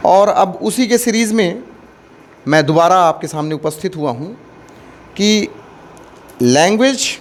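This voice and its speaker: An Indian man gives a measured English grammar lecture, pitched high for a man. He takes his time, mixing Hindi and English and echoing each point back to his students. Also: expressive. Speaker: English teacher. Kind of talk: classroom lecture.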